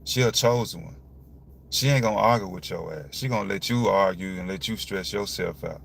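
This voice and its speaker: A young vlogger with a low-pitched voice and vocal fry talks fairly quickly and casually to camera about his father, speaking frankly and with animation. He often asks "you see what I'm saying," and there's slight background noise.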